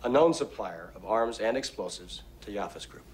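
Actor as earnest American analyst, low-voiced. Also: male voice, expressive, natural voice. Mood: grave, explanatory. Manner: grave, deliberate, deferential but firm. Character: earnest, articulate male intelligence analyst briefing superiors. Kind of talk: film drama acting. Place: conference room.

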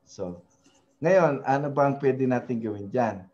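A man leads a relaxed screen-share tutorial, pausing often and checking in with tag questions. His voice is mellow and dark. The audio is dull and lo-fi. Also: mid-range voice. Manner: hesitant, many fillers, frequent tag questions. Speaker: web design tutorial host. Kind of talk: casual screen-share tutorial in mixed Tagalog and English.

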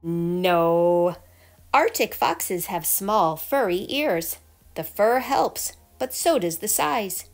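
With faint music behind her, a woman reads a children's picture book aloud like a teacher, using clear, emphatic delivery and emphatic questions and answers. Her voice is mid-range and expressive, and her pace is slow.

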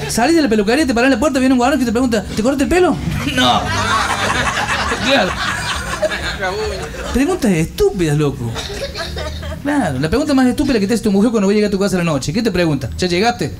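A man from Córdoba, Argentina, with a Cordoban accent, telling rapid-fire stand-up jokes and doing the characters' voices. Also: very high voice, expressive, a crowd in the background. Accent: Cordoban Argentine Spanish. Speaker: stand-up comedian.

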